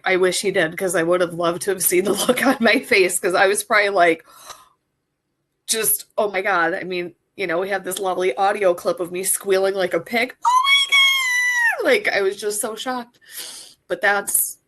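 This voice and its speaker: A woman in her thirties recounting a personal story in an interview, casual and full of fillers. She talks in a chatty, animated way at an ordinary mid pitch. Now and then she jumps high when she acts out her own excited reactions. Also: moderate pace. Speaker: coaching client.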